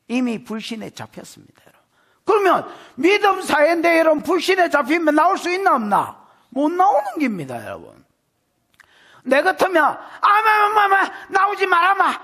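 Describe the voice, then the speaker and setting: A male pastor with a Gyeongsang Korean accent preaching an expository sermon at a church service, animated and folksy, often acting out scenes. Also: very high-pitched.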